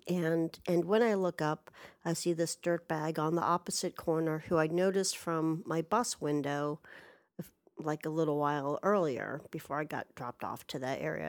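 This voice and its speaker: Low-voiced woman telling an exasperated story. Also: darkish tone. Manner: rambling, exasperated, swears freely. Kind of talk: casual personal storytelling.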